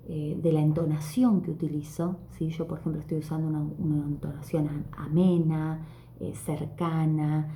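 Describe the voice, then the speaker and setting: A woman's voice: low voice, dark tone, echoey room, a little hiss or hum. A woman teacher, giving a friendly, conversational online lesson from home with many fillers and restarts. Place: room at home.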